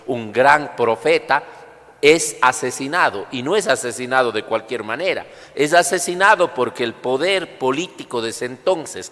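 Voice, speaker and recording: A male priest's voice rings through a long, cathedral-like church echo. His pitch sits in the middle as he proclaims and preaches at Mass. The delivery is solemn, deliberate and instructive. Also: bright, forceful tone. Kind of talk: liturgical proclamation and homily. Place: large reverberant church during livestreamed Mass.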